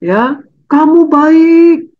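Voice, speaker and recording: Preacher doing a calm mom voice, higher, coaxing her kid, muffled recording. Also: drawn-out words. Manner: coaxing, gently insistent. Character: calm reassuring mother. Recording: dull lo-fi recording.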